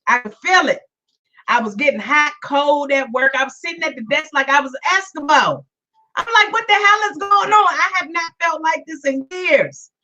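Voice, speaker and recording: A woman with a high-pitched, pushed, bright voice speaks at normal speed while hosting her own podcast live. Her talk is a casual chat full of repetition and greetings to listeners by name, her voice weakened by a recent illness. Audio is dull and lo-fi, slightly far.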